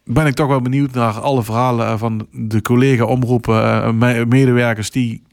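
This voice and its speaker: A middle-aged man with a Limburg Dutch accent, speaking reflectively and a little haltingly as a guest in a conversational interview. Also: medium pitch, little pitch movement, creaky, dry recording, clean studio sound. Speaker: local broadcaster, podcast guest.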